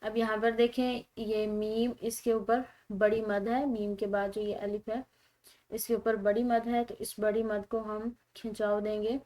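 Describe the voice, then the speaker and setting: A woman's voice: mid-range voice, flat delivery. Patient woman teaching Quran recitation. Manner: explains rules patiently, then recites slowly and loudly. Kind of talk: tajweed lesson with slow drawn-out recitation.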